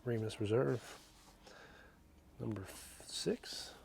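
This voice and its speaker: A man's voice: medium pitch, takes it slowly, creaky, a little mellow, slight background noise. A man co-hosting a bourbon vlog, half-whispering dry, joking price comments while walking a liquor store aisle. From Tennessee. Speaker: bourbon reviewer and channel co-host. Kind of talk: casual walk-through vlog.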